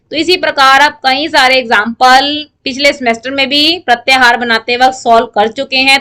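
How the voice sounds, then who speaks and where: Bright high-voiced woman teaching grammar. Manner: explains step by step, asks and answers her own questions. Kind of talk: online lecture to students.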